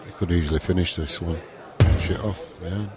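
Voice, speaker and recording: A man's voice: deep voice, fairly even intonation, brisk, over music. A man co-commentating on live darts with short, matter-of-fact remarks. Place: commentary position at darts event. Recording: crowd noise behind commentary.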